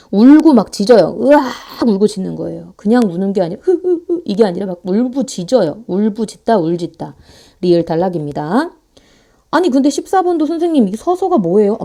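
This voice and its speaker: A woman teaching a grammar lecture online in a playful, animated way, talking fast and sometimes acting out students' voices. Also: medium pitch. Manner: talks fast to save time.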